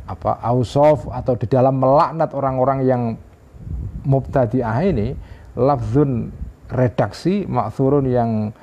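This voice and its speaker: Mellow-voiced man teaching a religious text. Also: medium pitch. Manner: explains Arabic text phrase by phrase with frequent "ya". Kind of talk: informal religious lesson. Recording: dull lo-fi recording.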